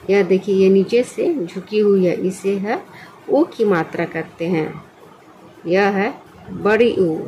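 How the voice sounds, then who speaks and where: Woman teacher, very slow, asks and answers her own questions, faint hiss behind. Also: mid-range voice, darkish tone, poor audio. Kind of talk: slow children's lesson.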